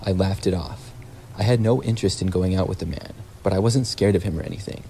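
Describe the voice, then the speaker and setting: A man narrating a scripted first-person story in a measured, plain storytelling delivery. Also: low-pitched, gravelly, dark tone, a little hiss or hum, low-quality recording. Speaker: narrator of horror stories.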